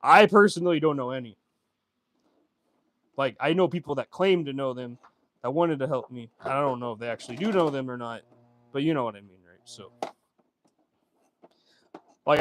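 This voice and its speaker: A man's voice: medium pitch, fairly quick, long pauses. A man chatting casually on a livestream, rambling with many fillers and answering viewer comments. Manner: rambling, lots of fillers and restarts. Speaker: fashion designer streamer.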